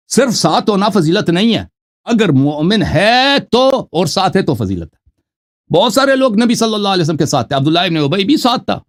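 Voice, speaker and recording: A man in a live debate making a rebuttal, arguing with rhetorical questions and reciting Arabic scripture. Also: sits high.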